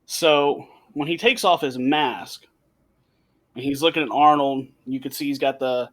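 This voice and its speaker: A man's voice: mid-range voice, unhurried. A man co-hosting a podcast, chatting casually and animatedly over a remote call, laughing often and restarting his sentences. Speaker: podcast co-host.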